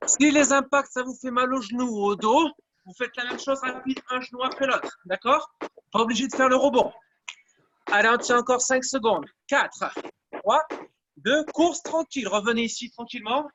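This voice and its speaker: A man's voice: very high-pitched, normal speed, pushed and bright, muffled recording, a little hiss or hum. A man coaching a live online workout class, counting down reps and cheering people on. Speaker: fitness coach.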